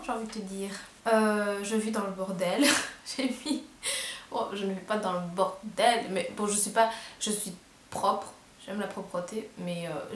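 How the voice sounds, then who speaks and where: An echoey room with a bit of hiss or hum carries the mid-range voice of a woman in her twenties. This vlogger speaks to camera in Belgian-accented French, chatty yet hesitant, with many fillers and self-mocking laughs.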